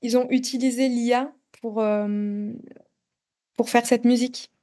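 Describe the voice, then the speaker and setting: French woman guest, mellow tone and a slightly high voice, casual and full of fillers. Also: fairly even intonation, measured pace. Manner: hesitant, many fillers and restarts. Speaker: podcast guest, content creator. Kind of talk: casual interview chat.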